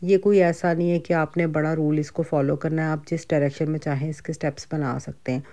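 Briskly and in a deep, mellow voice with fairly even intonation, a middle-aged woman with a Pakistani Urdu accent runs a casual grocery and cooking vlog. As a home cook she's chatty and conversational, often adding fillers and asides.

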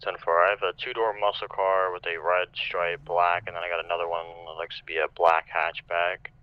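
A man's voice: deep voice, level tone, a little fast. A man calling out over a police radio in a roleplay game, clipped and matter-of-fact, using radio codes. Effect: police radio transmission. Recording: dull lo-fi radio sound with faint noise.

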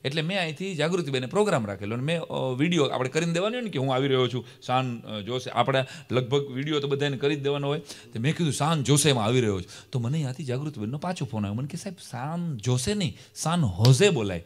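A man telling comic stories on a live stage, acting out dialogue in lively voices. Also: mid-range voice, fast talker, hardly any pauses. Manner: animated, acts out dialogues, bursts of laughter. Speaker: stand-up comedian and storyteller. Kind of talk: live stage comedy storytelling.

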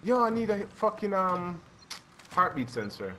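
A young man calls out plays to his teammate in quick, restless bursts, his voice swinging widely up and down as he swears and jokes. Clear clicking and background noise run under his voice chat. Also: medium pitch, animated, pushed and bright. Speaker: gaming teammate. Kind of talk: casual gaming chat.

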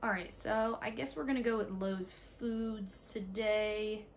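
A young woman with a raspy, stuffy voice from allergies, chatting casually to viewers in a home vlog, tired. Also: mid-range voice, a little slow, a little hiss or hum. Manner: chatty, talks to viewers while ordering online. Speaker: vlogger, mother. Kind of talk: casual day-in-the-life vlog. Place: home, indoors.

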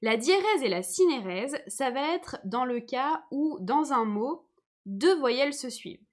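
Young female teacher, live online lesson, patient and reassuring, a touch high-pitched. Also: animated, unhurried. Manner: patient, checks in often with viewers.

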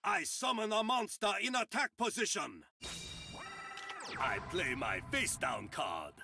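A man voicing a stern, combative villain twin duelist in an anime card game, with menacing, forceful declarations. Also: high voice, lively intonation, unhurried, creaky, full character voice. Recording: game music behind the voice. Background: game music.

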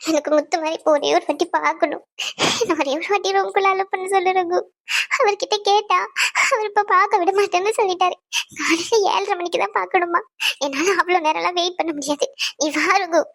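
A woman's voice: very high-pitched, steady tone, slow pace, hardly any pauses, fairly bright tone, heavily acted. A woman voicing a young wife in a cartoon dub, pleading urgently to see her husband. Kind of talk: cartoon dubbing.

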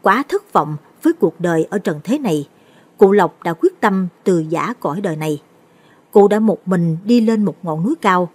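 Woman storyteller doing late night ghost tales, low kinda husky voice. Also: lively intonation, moderate pace.

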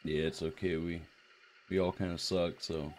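A man chatting casually while streaming a game with friends, relaxed and quick to laugh. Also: sits low, slight background noise. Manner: relaxed, laughs often, swears. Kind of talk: casual gaming chat.

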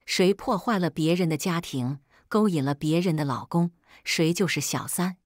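A woman voicing a furious, coarse middle-aged mother who screams insults and accusations in a husky voice. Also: on the low side, normal speed, no echo, clean studio sound, lightly acted. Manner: shouting insults, screeching accusations.

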